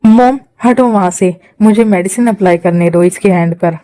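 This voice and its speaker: A woman's voice: medium pitch, normal speed, dark tone, no echo, natural voice. A woman voicing a possessive, menacing young man in a Hindi fan-dub drama, commanding and controlling. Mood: tender.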